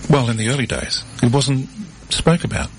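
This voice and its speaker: A man's voice: medium pitch, moderate pace, noisy background. A man hosting a community radio health program from a studio, talking with many fillers and restarts. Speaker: radio host. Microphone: studio mic.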